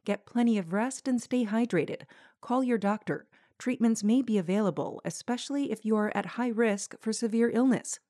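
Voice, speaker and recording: A woman's voice: a little high, moderate pace, mellow, no room sound, studio quality. A woman reading a scripted public health announcement with instructions for listeners.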